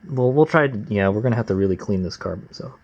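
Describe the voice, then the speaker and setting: A man talking casually and plainly like a gruff home mechanic while working at his bench, with slangy, unpolished asides. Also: lowish voice, animated, fast talker, darkish tone. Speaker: amateur motorcycle mechanic, vlog host. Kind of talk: casual hands-on workshop narration. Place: workbench, close to the camera. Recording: slightly dull, lo-fi camera audio.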